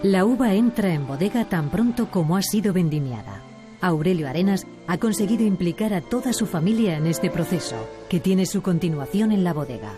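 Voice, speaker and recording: This is studio voice-over for a documentary: a woman's fairly low voice delivers the script calmly and evenly while music plays in the background.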